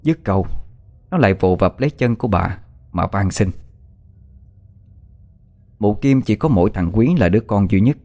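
A man narrating a horror story in a slow, measured way. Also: lowish voice, animated, vocal fry, mellow.

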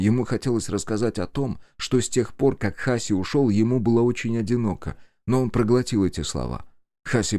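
A man reading an audiobook in a measured, even scripted narration. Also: medium pitch, no room sound, studio quality. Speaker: audiobook reader.

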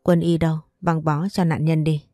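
A woman voicing a brisk, commanding male police officer in a storybook. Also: low voice, little pitch movement, warm tone, no room sound, studio quality, faint music behind, close to an everyday voice.

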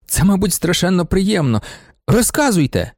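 A man reading an audiobook and voicing an excitable young man who presses with eager questions. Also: high voice, moderate pace, dry recording, studio quality, pitched above the performer's own voice.

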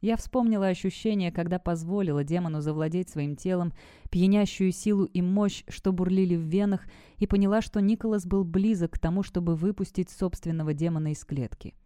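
A woman's voice: lowish voice, fairly quick, dark tone, clean tone, no room sound, clean studio sound. Woman narrating a dramatic audiobook. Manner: dramatic first-person reading.

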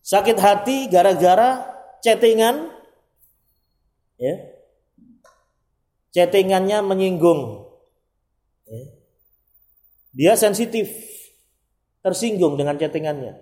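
A man's voice: high-pitched, lively intonation, takes it slowly, pauses often, mellow, echoey room. A man giving an emphatic religious study lecture, sprinkling Arabic phrases and acting out everyday dialogue. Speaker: Islamic preacher.

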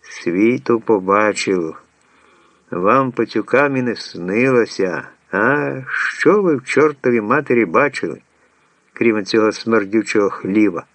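A man voicing a loud, boastful, drunken old sailor who brags in a coarse, bellowing way. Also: lowish voice, expressive, unhurried, no echo. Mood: scornful.

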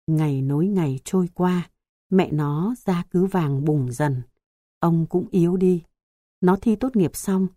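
A woman narrating an audiobook story in a calm, measured way. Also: fairly low pitch, no room sound, studio quality. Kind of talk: scripted narration.

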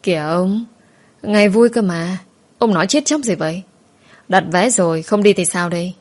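A woman's voice: on the low side, normal speed, darkish tone. A woman telling an emotional first-person story and reading every character's lines herself. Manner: emotional, shifts between narration and dialogue.

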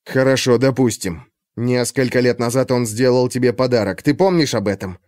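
A man voicing a young man who threatens a captive in a hoarse, forced low voice. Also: moderate pace, darkish tone, no echo, studio quality, close to an everyday voice. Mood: menacing. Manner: hoarse, low, menacing whisper.

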